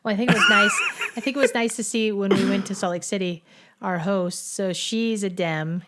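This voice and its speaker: A woman's voice: mid-range voice, wildly swooping pitch, normal speed, fairly bright tone, slight background noise. A middle-aged woman co-hosting a podcast in casual chat, talking in a chatty, rambling way. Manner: chatty, rambling, with frequent restarts. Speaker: podcast co-host.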